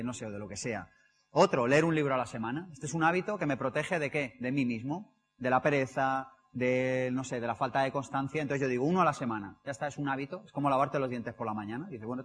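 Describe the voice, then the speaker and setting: A young man from Spain gives a live motivational talk, telling stories and asking the audience questions. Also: mid-range voice. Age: young adult. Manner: lively storytelling, asks the audience questions. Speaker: motivational speaker.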